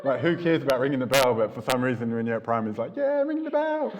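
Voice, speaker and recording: A man's voice: medium pitch, racing, crowd noise. Chuckling New man telling his testimony. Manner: casual storytelling with frequent chuckles. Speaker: church speaker giving testimony. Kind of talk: personal testimony talk to a congregation. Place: church hall before an audience. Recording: long hall reverb in a church.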